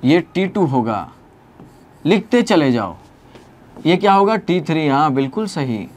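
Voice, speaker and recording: Lively Indian male biology teacher. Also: on the high side, unhurried. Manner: asks questions and answers them for the students; lively, swings from loud to soft. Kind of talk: classroom lecture.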